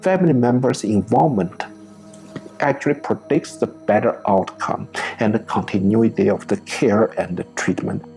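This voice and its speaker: Measured male clinician, low voice. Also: darkish tone, soft background music. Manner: measured, explanatory. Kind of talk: documentary interview.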